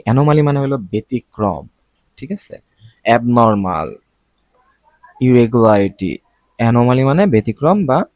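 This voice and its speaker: A man's voice: mid-range voice, a little mellow, no room sound. A young man with a Bangladeshi accent teaching vocabulary in a casual, chatty way, often stopping to check and correct his pronunciation. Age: young adult. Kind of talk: casual lesson explaining words.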